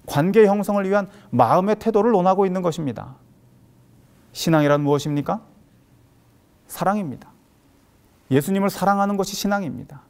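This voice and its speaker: A pastor delivers an earnest sermon in a high, bright-toned voice. He swings between loud, emphatic lines and hushed, quiet passages, and drops in playful asides along the way. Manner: playful asides in spoken regional dialects.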